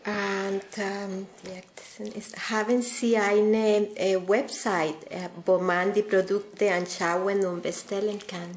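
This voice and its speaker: Slow, hesitant woman from Costa Rica. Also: mid-range voice, flat delivery. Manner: hesitant, careful, many fillers. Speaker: interviewer, language learner. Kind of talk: interview questions. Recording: echoey room with faint noise.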